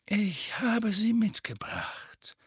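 A man voicing a calm, courteous old male wizard who speaks gently and in a measured way. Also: high-pitched, breathy edge, no room sound, clean studio sound, pitched above the performer's own voice, full character voice. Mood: polite.

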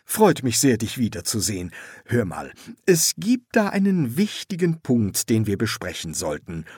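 A man's voice: mid-range voice, huge pitch swings, normal speed, darkish tone, breathy edge, dry recording, studio quality. A man voicing the indignant ghost of a dead pharaoh in an audiobook. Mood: exasperated. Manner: indignant, grumbling.

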